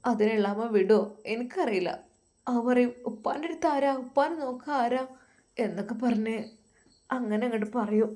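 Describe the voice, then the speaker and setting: A woman with a Malappuram Malayalam accent voicing a soft-spoken, tearful young wife who talks hesitantly and pleadingly. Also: fairly high pitch, normal speed, long pauses, close to an everyday voice. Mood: worried. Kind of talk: storytelling voice acting.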